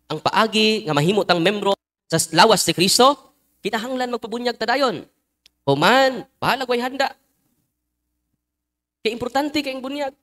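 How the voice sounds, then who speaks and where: High-pitched, lively joking priest. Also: male voice, moderate pace, long pauses. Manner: jokey, teasing the congregation, mixing in English phrases. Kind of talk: humorous sermon with storytelling.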